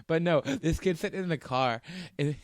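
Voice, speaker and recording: Young man, fairly high voice, rambling podcast storyteller, dry close sound. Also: animated, normal speed, dry recording. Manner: rambling, laughs through his stories, many restarts. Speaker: podcast co-host. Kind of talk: casual chat, storytelling.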